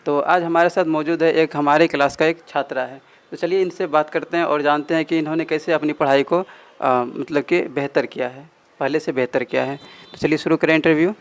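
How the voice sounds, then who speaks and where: A man's voice: fairly high pitch, fairly even intonation, brisk. A man who teaches, quizzing a student and patiently repeating her answers back. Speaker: teacher and interviewer.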